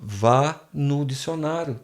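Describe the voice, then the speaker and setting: A man's voice: a little high, takes it slowly. A man, a guest professor who explains things patiently with frequent restarts in a casual podcast chat in a studio.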